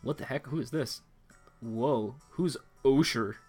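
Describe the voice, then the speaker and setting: A man's voice: mid-range voice, measured pace, a little mellow, breathy edge, soft background music. A man giving casual, chatty commentary while playing a romance game. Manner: chatty, reads text aloud. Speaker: let's play host. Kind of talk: gameplay commentary.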